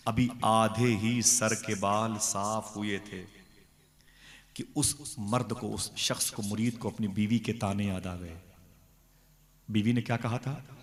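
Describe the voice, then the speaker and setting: A man preaching at a devotional gathering, telling a story in an animated way, acting out its dialogue and putting questions to his audience. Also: lowish voice. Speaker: religious speaker at a devotional gathering. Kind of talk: sermon storytelling. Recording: long reverb of a large hall.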